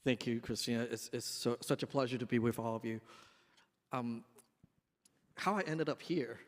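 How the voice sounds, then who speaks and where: In a large banquet hall with long, echoing reverb, a Hong Kong man in his forties gives an earnest, emphatic dinner speech as an activist guest speaker. His voice is medium-pitched and his pace normal, though he restarts a few times.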